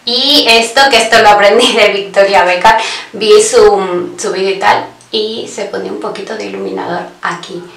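A beauty vlogger talks through a casual makeup tutorial in a mid-range, slightly bright, gravelly voice, keeping her intonation fairly even and her speed normal. She's chatty, speaks straight to her viewers, and keeps correcting herself. The room echoes and she sounds somewhat far from the mic.

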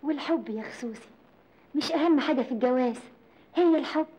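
Girl acting spirited egyptian bride, super high voice, talks really fast, incredulous, comedy movie. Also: dark tone, natural voice, rough recording. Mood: coy. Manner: exclaiming, incredulous questions. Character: spirited, indignant young female heiress being courted.

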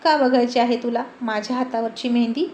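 A woman's voice: fairly high pitch, steady tone, fairly quick, darkish tone, slight background noise, natural voice. A woman voicing a coy young sweetheart who teases and plays hard to get. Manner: playfully sulky, coy.

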